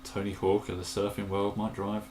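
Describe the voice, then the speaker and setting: A man chatting enthusiastically in a casual show-and-tell vlog, with bursts of excitement. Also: lowish voice, moderate pace, roomy sound, slight background noise. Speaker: toy collector vlogger.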